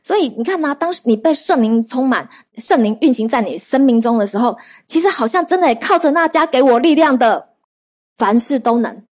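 A woman preaching a sermon, telling lively testimony stories and throwing rhetorical questions at her listeners. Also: high voice, fairly quick.

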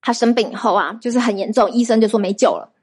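Lively woman preacher telling testimonies. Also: fairly high pitch, fast talker, breathy edge. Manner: lively storytelling with rhetorical questions to the audience. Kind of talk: sermon.

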